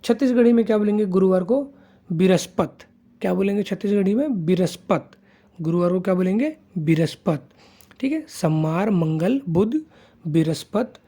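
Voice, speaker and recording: A patient man teaching an online lesson in a soft, mellow voice. He says each word slowly for listeners to copy and mixes English terms into his explanations. After nearly every phrase he stops to check that they are following. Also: high voice, expressive. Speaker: language teacher.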